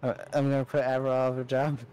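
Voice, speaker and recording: A man talking through a voice changer that pitches his voice down, bantering casually and joking while gaming. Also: flat delivery, quick pace, dark tone, a little hiss or hum. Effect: voice changer shifting his voice deep. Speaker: streamer's husband, co-player.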